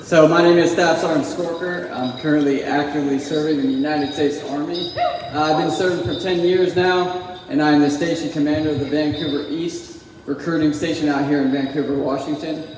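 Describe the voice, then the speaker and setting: A man's voice: a little high, steady tone, fairly quick, a little mellow. A man who is an army recruiter, introducing himself informally to a gathering. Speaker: army staff sergeant, recruiter. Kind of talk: informal public self-introduction. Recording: distant, echoey hall, clear noise behind.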